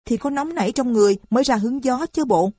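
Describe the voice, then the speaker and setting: A defiant young woman answers back in a higher, quick voice, as a woman reader puts her on. Her tone is sulky and sharp, with a husky grain and a dry, close sound. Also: dry recording, natural voice.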